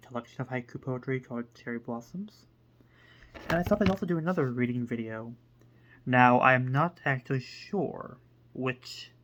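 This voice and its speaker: A man chatting to the camera about books at an unhurried, drawn-out pace. He rambles and stops to hunt for words, with a voice of middling pitch for a man. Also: a bit bright, highs cut off. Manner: hesitant and rambling, full of pauses. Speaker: book reviewer. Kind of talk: casual to-camera book talk.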